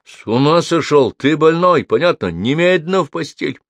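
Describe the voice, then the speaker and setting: A man's voice: fairly high pitch, expressive, moderate pace, no room sound, pitched above the performer's own voice. A man doing a tense young doctor. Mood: angry. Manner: urgent, sharp. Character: young male doctor, tense and quick-tempered.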